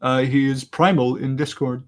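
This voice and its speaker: A man's voice: mid-range voice, fairly even intonation, normal speed. A man in a casual voice chat, talking in a laid-back, offhand way.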